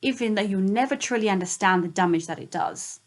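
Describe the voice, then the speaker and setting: Steady, purposeful woman from Zimbabwe. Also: medium pitch, fairly quick. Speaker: interviewee.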